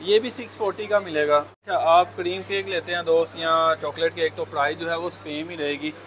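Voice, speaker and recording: A young Pakistani food vlogger with a Lahori Urdu accent tours a bakery, chatty and keen and often saying "yaar." His voice is on the high side, steady, slightly fast and a bit bright, picked up by a lapel mic in a busy shop, and the rough recording carries crowd chatter and traffic.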